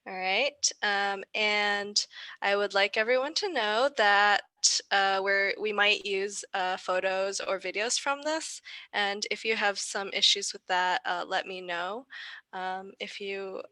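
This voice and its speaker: A woman's voice: mid-range voice, slow, pushed and bright, no echo. A young American woman giving a friendly online lecture, often asking the class questions over a video call. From United States.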